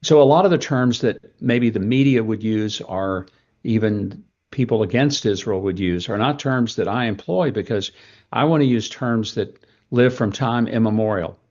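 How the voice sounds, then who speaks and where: A man giving a measured, deliberate answer in a formal interview. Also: lowish voice, a little mellow. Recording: dull lo-fi played clip.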